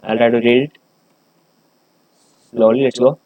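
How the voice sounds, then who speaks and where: Man, mid-pitched, hesitant, lots of fillers, reading and explaining a paper, dry sound. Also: little pitch movement, unhurried, a little mellow, no echo, poor audio. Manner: hesitant, many fillers and restarts. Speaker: channel host explaining a research paper.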